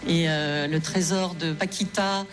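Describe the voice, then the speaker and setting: Woman giving a welcome speech, kinda low voice, slow and lots of euhs, music playing behind. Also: fairly even intonation. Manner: halting, full of fillers. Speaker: event organizer introducing speakers.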